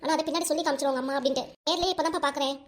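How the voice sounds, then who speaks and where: A woman's voice: high-pitched, fairly even intonation, rapid-fire, natural voice. A woman with a Tirunelveli Tamil accent voicing a young mother who defends her children and complains in a cartoon. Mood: indignant. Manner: indignant, complaining.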